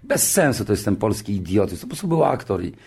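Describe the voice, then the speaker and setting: A husky, low-pitched man in his sixties spins a long anecdote from his years making television. He trips over words and restarts often. When he quotes other people, his voice leaps up high. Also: big pitch swings, fast talker, darkish tone. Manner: frequent restarts and filler words. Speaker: television show creator. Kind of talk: anecdotal storytelling.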